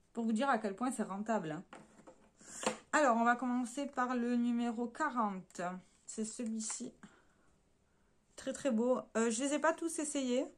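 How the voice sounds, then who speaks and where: A woman's voice: fairly high pitch, a little hiss or hum. A woman chatting casually through a beauty haul, hesitating often with fillers and correcting herself as she talks straight to her viewers. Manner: addresses viewers directly while showing swatches. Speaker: beauty vlogger.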